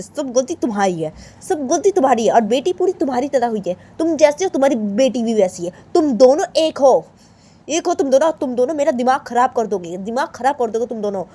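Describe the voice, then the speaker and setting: A woman's voice: mid-range voice, pitched above the performer's own voice, lightly acted. Woman doing a furious scolding mom. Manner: loud, repetitive threats. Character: angry strict mother scolding her daughter.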